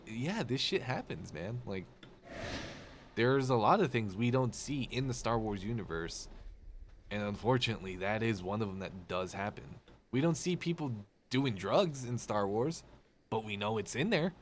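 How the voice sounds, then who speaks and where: A man ranting on a live game stream, animated, sarcastic and full of swearing. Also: medium pitch. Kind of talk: casual live-stream rant.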